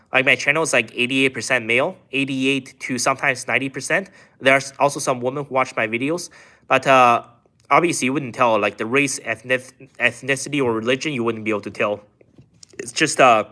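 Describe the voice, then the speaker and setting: A man's voice: mid-range voice, pushed and bright. A man from China hosting a casual live stream, reading out chat questions and rambling through answers with lots of filler words. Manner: rambling, filler-heavy talk with many "like"s. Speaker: livestream host reading chat.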